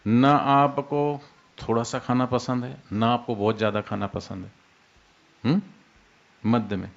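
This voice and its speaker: A man giving an unhurried devotional discourse as a spiritual teacher, explaining with everyday examples. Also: mid-range voice, steady tone, vocal fry, muffled recording. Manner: unhurried, explains with everyday examples, demonstrates soft and loud speech.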